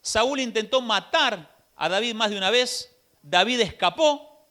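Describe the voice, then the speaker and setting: A man with an Argentine accent preaching a sermon in a church, telling the story in an animated way with rhetorical questions. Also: sits high, measured pace. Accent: Rioplatense Argentine Spanish.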